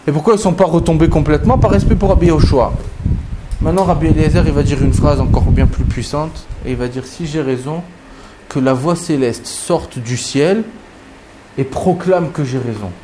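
A man teaching a Talmud story, acting out the quotes with big jumps in pitch. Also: normal speed, background noise. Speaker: Torah teacher. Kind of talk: lively Talmud story lesson.

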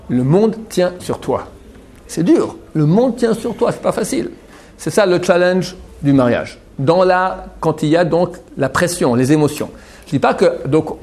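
A man giving a religious lesson to a class and taking questions, animated and often checking in with his listeners. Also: on the high side, gravelly. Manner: animated, keeps checking in with "d'accord?"; repeats and restarts words while explaining. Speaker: religious teacher.

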